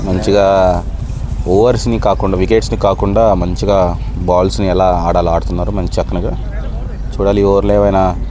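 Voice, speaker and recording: A man giving excited cricket commentary outdoors, repeating short phrases as he calls the play. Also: low-pitched, normal speed, long pauses. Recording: outdoor crowd noise behind.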